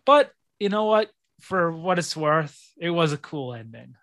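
Male co-host, casual film recap, laid-back, restarts a lot, somewhat higher voice, dry close mic. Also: unhurried, no room sound. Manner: relaxed, laughs often, repeats words while searching. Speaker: podcast co-host.

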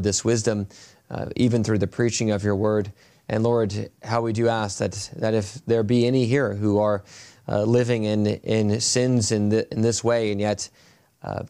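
A man pastor speaking at a pulpit microphone in a church, reading scripture and praying in an earnest, measured way, with halting fillers in his prayer. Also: fairly low pitch, darkish tone. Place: church sanctuary, indoors.

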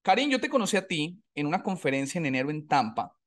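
A Colombian man hosts a podcast over video call from a home setup in a US city, keeping the casual interview chat upbeat and thankful. His voice sits a little high with a fairly bright tone, and he talks fast and very animatedly, often repeating his phrases.

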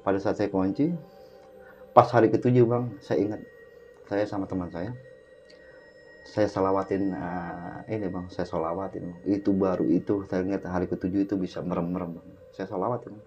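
This guest's voice sits low and warm, with a steady tone and normal pace. He casually relates a dramatic, vivid personal story to a host he keeps calling "Bang," captured in dull lo-fi audio with faint music in the background.

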